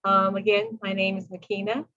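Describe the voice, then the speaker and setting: A woman's voice: medium pitch, flat delivery, moderate pace, pushed and bright, no echo. Dull lo-fi recording, middle-aged woman. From Virginia, United States. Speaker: guest speaker. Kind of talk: informal self-introduction.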